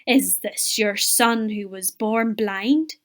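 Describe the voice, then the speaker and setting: A woman's voice: mid-range voice, takes it slowly, lightly acted. A woman voicing suspicious temple leaders who mutter and question in a children's Bible story. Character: doubting, grumbling temple leaders.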